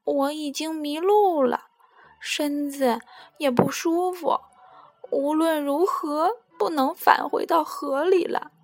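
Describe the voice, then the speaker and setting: A woman's voice: high-pitched, slow, soft background music. A woman voicing a sly old male crocodile in a storybook, pleading with false kindness. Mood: wheedling. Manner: wheedling, falsely kind. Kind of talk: storybook character voice.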